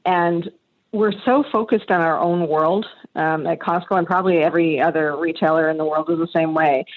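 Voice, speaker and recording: A woman's voice: deep voice, fairly even intonation, fairly quick. Woman on a tinny phone-like line. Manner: earnest, thoughtful, with frequent restarts. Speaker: interview guest, past association chair. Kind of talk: conversational podcast interview.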